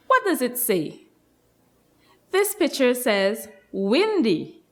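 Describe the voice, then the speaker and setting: A woman speaking like a kids show host, teaching young children slowly with encouraging, sing-song questions. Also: on the high side, big pitch swings, music in the background. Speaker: nursery teacher hosting a children's lesson.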